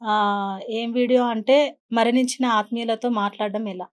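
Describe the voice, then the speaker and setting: A woman's voice: fairly high pitch, steady tone, moderate pace. A woman, a podcast guest earnestly telling a personal story and acting out quoted speech. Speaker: guest, beautician and meditation teacher.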